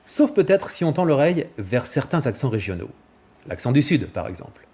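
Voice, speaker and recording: A male vocal coach giving a clear, didactic scripted explanation and demonstrating examples. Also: medium pitch, very animated, normal speed, a little mellow.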